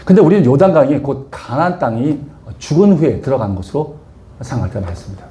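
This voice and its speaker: A man's voice: medium pitch, lively intonation, quick pace, dark tone, a little hiss or hum. A middle-aged male pastor preaching a sermon, telling a personal story and asking the audience questions.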